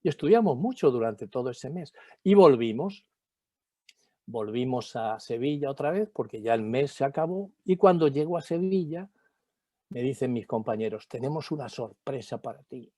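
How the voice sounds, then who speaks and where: Spanish pastor, middle-aged man, animated testimony, mellow tone, dry close sound. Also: medium pitch, normal speed, no echo. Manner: animated storyteller acting out dialogue. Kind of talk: personal testimony.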